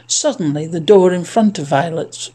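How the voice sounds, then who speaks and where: A narrator reading a children's adventure story in a tense, measured way. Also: medium pitch, dark tone. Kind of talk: audiobook narration.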